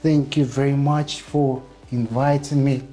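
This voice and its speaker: A man's voice: medium pitch, level tone, unhurried, mellow, soft background music. Chatty man from Kazakhstan. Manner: chatty, friendly, joking. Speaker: interviewer, education consultant. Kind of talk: casual on-site interview.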